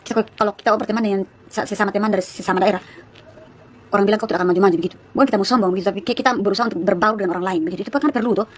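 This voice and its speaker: A woman's voice: mid-range voice, very fast, hardly any pauses. A young woman from East Nusa Tenggara with a Kupang Malay accent, chatting casually on a phone livestream, greeting viewers by name and laughing often. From East Nusa Tenggara, Indonesia. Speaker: livestream host.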